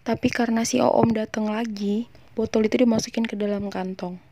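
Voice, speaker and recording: A woman's voice: on the high side, steady tone, fairly quick, warm tone. A woman narrating a film recap in a casual, chatty way, slipping in slangy joking asides.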